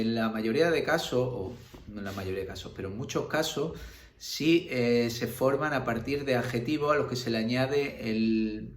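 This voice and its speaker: Man, teacher, patient explaining, fillers, mid pitch, echoey room. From Spain. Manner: explains patiently with many fillers and checks like "¿vale?". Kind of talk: recorded grammar lesson. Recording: roomy echo.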